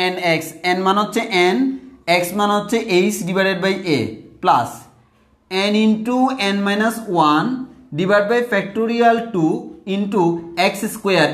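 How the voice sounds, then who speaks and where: A man tutoring math at a whiteboard, calling students brother, repeating phrases and slowing down on formulas. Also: high voice, roomy sound. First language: Bengali.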